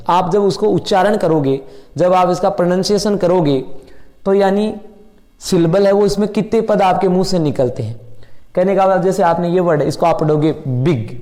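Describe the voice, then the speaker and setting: A man's voice: high voice, warm tone. A middle-aged man teaching an English grammar lesson in Hindi, explaining step by step and asking and answering his own questions.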